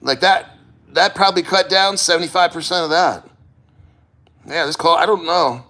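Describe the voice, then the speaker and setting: A man speaks casually to his viewers in a bright, forceful voice pitched a little high. He rambles in a plain-spoken way and swears freely. The style is an informal personal vlog. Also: moderate pace. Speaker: vlogger. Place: sitting in a cold plunge.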